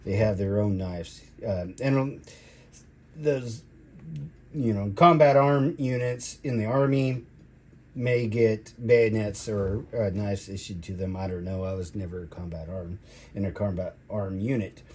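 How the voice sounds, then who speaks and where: A man giving a casual, rambling gear review in a halting way, drawing out his words and trailing off. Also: fairly low pitch, steady tone, darkish tone, husky. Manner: halting, drawn-out delivery with trailing phrases. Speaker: product reviewer, military veteran.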